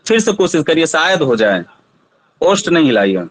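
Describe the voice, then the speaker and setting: A man's voice: a little high, sing-song, moderate pace, a little hiss or hum, low-quality recording. A man teaching a Sanskrit pronunciation lesson, patiently asking students to try each sound aloud.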